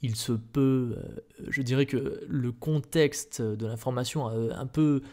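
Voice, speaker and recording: A man voicing a placid, oily newspaper director who hems and hedges, in a soft-spoken ASMR reading. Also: medium pitch, steady tone, measured pace, lightly acted. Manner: oily, hesitant with ums. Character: smooth, placid middle-aged male newspaper director, unctuous.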